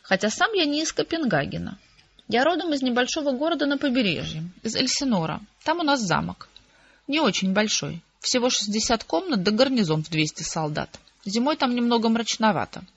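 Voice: medium pitch, very animated, a little fast, husky, pitched above the performer's own voice. A reader voicing a charming young prince who is gallant and a little boastful, in a slightly dull audiobook recording.

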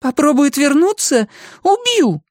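Audiobook, male reader as a shrill furious woman, yelling, near tears. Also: moderate pace, dry recording, studio quality. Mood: scornful. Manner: screaming insults in a shrill high voice. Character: furious heartbroken woman, shouting and sobbing. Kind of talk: audiobook dialogue.

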